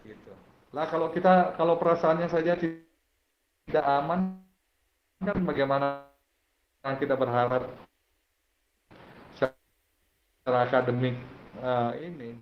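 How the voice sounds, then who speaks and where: A man's voice: on the high side, fairly even intonation, takes it slowly, pauses often. A man giving an online lecture to teachers over a video call whose audio keeps breaking up, talking hesitantly with many fillers and restarts. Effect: choppy video-call audio breaking up. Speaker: course instructor. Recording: muffled echoey online call, faint noise.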